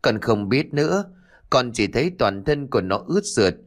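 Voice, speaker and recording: A man's voice: big pitch swings, moderate pace. A man voicing a stubborn, grieving young village girl, with a pleading, raised voice. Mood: distraught. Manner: pleading, tearful, raised high voice.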